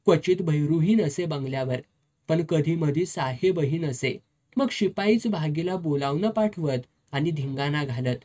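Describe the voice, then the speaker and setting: An audiobook narrator reading a serialized novel in a steady, measured storytelling voice. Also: mid-range voice.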